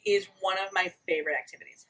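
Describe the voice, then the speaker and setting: A woman's voice: mid-range voice, steady tone, quick pace, distant mic, background noise. A woman in casual comedic chat, telling stories in a wry, candid way.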